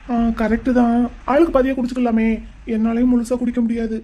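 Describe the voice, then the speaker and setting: A woman voicing a gentle, teasing young husband in a cartoon story, with a brisk manner. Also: fairly high pitch, little pitch movement, lightly acted. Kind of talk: Tamil cartoon voice acting.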